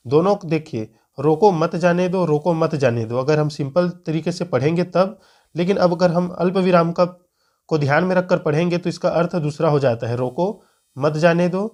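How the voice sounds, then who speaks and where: Slightly high-voiced man teaching Hindi. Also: normal speed, darkish tone. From Chhattisgarh, India. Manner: explains patiently, repeats key points. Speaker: exam-prep teacher. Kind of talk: screen-recorded lesson.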